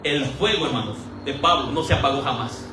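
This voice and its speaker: A man preaching an animated sermon in a church, asking the congregation questions and briefly mimicking voices for laughs. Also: medium pitch, brisk, noisy background. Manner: animated, rhetorical questions, acts out quoted voices for humor. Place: church hall. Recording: roomy echo, voice from a distance.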